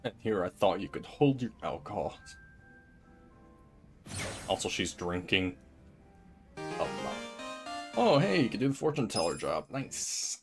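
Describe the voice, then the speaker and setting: Gravelly man doing casual game commentary. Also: fairly low pitch, big pitch swings, measured pace, long pauses. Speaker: gaming video host. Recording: music clearly behind the voice. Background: video game music.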